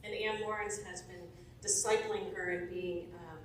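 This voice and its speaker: A woman in her forties, chatty and laughing often, telling a warm testimonial story to a church. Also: mid-range voice, steady tone, moderate pace, slight background noise. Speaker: former church member giving a testimonial. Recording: echoey room from far off.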